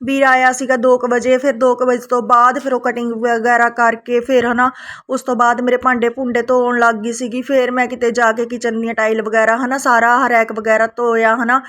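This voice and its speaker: A woman's voice: on the high side, level tone, brisk, a bit bright. A woman with an Indian Punjabi accent narrating a casual family vlog to viewers, chatty and full of little tag questions. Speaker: family vlogger.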